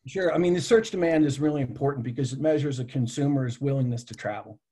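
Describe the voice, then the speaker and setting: A man's voice: mid-range voice, fast, mellow, breathy edge. A man in his thirties presenting travel data on a webinar video call from a home office, casual and full of fillers and restarts.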